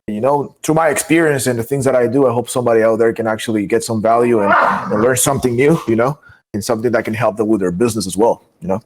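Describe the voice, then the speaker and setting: A man's voice: medium pitch, steady tone, fast. A young man from Guatemala, a podcast guest, chatting casually, often laughing and repeating words as he starts sentences. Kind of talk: casual chat.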